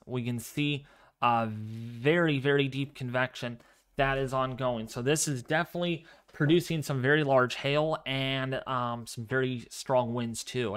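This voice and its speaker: A calm man with a mid-range voice runs a live severe weather stream. Quiet but clear and fairly monotone, he comments on conditions and talks with viewers.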